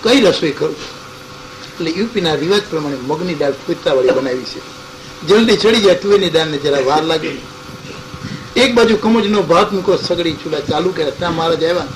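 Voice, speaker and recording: A man with a Gujarati accent telling a devotional story in an animated way, voicing the characters' dialogue. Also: on the high side, moderate pace, slight background noise, low-quality recording. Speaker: religious storyteller.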